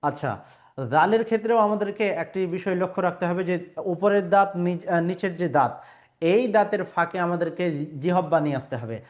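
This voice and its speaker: A man's voice: high voice, quick pace. A man teaching Arabic letter pronunciation in an online lesson, patiently explaining and drawing out each letter sound, with frequent hesitations. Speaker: Quran reading teacher. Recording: dull lo-fi recording.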